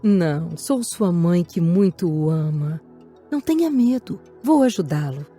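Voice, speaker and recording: Give me a soothing mother spirit in an audio drama, husky, with a lively lilt. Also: lowish voice, measured pace, soft background music. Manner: soothing, reassuring. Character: gentle mother spirit comforting her son.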